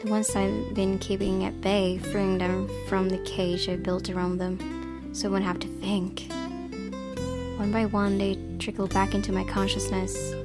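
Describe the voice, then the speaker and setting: Reading aloud as she plays, a woman narrates a visual novel with expression, though her delivery is flat and a little slow. Her voice is mid-pitched with plenty of creak, and music is clearly audible underneath.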